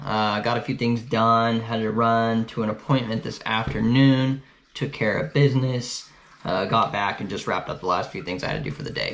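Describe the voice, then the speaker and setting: A man's voice: mid-range voice, fairly bright tone. Easygoing man chatting in a roomy house. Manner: chatty, easygoing, talks while eating. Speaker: cycling vlogger. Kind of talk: casual vlog to camera. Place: home, kitchen and couch.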